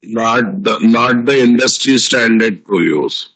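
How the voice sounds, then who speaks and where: Slow-paced Telugu-accented man teaching. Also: on the low side, a bit bright, rough recording. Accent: Indian, Telugu. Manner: repetitive, with frequent checking questions to students. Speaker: programming teacher. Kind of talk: live online coding lecture.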